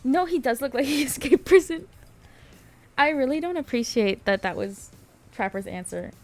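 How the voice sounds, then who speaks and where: A woman's voice: high-pitched, animated, moderate pace, a little mellow. A woman on a casual gaming stream who reads game text aloud and laughs often between jokey asides.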